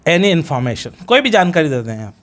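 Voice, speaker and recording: A middle-aged man with an Indian accent teaching a grammar lesson in a classroom, drilling example sentences slowly and deliberately as he mixes Hindi and English. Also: a little high, very animated, fairly bright tone. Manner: switches between Hindi and English.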